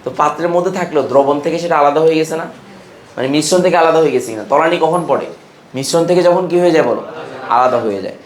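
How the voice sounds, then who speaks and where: A man from Bangladesh lectures on chemistry with a fairly high voice. He drills his class with questions and repeats each key term. The sound rings in a roomy, echoey classroom. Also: fast. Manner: asks students questions and repeats key terms. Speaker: chemistry teacher.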